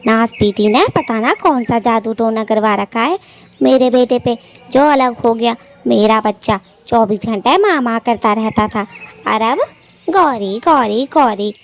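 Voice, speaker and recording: A woman's voice: fairly high pitch, measured pace. A woman voicing a nagging old mother-in-law bird in a cartoon, with taunting, rustic village speech. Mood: complaining.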